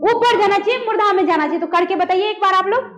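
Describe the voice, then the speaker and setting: Very high-voiced woman teaching pronunciation. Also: quick pace, highs cut off. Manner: demonstrates sounds and quizzes students. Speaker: Hindi grammar teacher. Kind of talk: classroom lesson on pronunciation.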